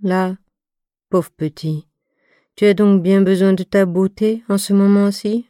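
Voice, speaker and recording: A woman reading the part of a stern but motherly fifty-two-year-old friend, speaking in an even, soft, deep voice. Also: measured pace, dry recording, clean studio sound, close to an everyday voice. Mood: tendre. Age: 50s. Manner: voix égale et douce; ton de voix profond. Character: femme de cinquante-deux ans, amie sévère et maternelle. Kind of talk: scripted audiobook reading.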